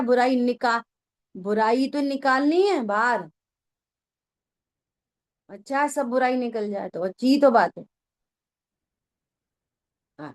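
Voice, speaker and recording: A woman's voice: a little high, darkish tone. A woman leading a religious study class in a conversational style. She keeps asking her listeners whether they follow, and she scolds them in a familiar, teasing way. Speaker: teacher of a scripture study class.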